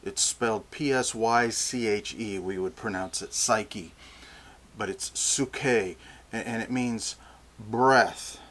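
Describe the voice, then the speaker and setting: An older man preaching a sermon, slow and deliberate, often restarting his phrases. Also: lowish voice, fairly bright tone, a little hiss or hum.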